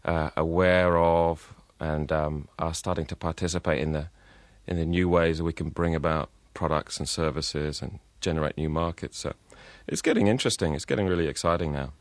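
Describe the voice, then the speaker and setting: Deep-voiced hesitant man guest. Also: steady tone, normal speed, hardly any pauses, no echo. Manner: hesitant, many uh and um fillers, uneven pace. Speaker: design lecturer, interview guest. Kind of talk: radio interview answers. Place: radio studio.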